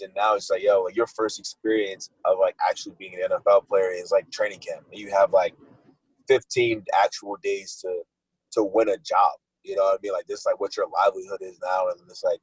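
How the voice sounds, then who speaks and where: A man's voice: lowish voice, a little mellow, slightly rough, dry recording, rough recording. A young man, a football wide receiver, answering interview questions in a casual, laid-back way, full of likes and restarts.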